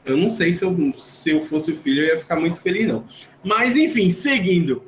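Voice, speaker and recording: A man's voice: high voice, lively intonation, fairly quick. A male host leads a casual podcast with chatty, joking recaps. His voice sits in a roomy, echoing space. A faint background hiss runs under it. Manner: chatty, recaps with jokes and asides. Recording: roomy echo, faint noise.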